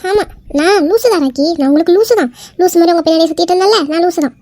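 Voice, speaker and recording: A woman voicing an angry, hurt young wife in a cartoon skit, scolding with quick indignant retorts. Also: extremely high pitch, a little mellow, no echo.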